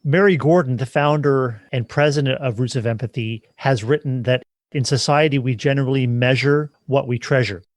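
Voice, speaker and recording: A man hosts a podcast interview and asks each question in a measured, formal way. His voice sits at an ordinary middle pitch. It sounds dry and close, with no room around it. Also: no room sound. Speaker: podcast host.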